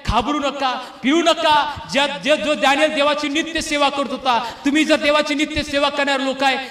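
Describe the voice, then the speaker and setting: A man's voice: extremely high pitch, fairly even intonation, brisk, pushed and bright, echoey room, big-room sound. A male pastor preaching a sermon with fervent, repeated exhortations.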